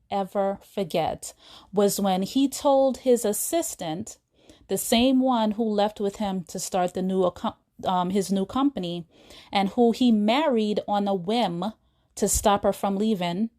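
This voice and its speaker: A woman hosts her own podcast, casually retelling a film scene in a chatty storytelling monologue with asides to her listeners. Her voice is mid-range with a darkish tone.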